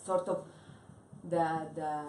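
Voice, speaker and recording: A Jordanian woman, Arabic her first language, answers slowly and hesitantly in an English class. Her lowish voice sits far from the mic in an echoey room with a faint hum. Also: little pitch movement, warm tone. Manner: hesitant, many uh fillers. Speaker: student.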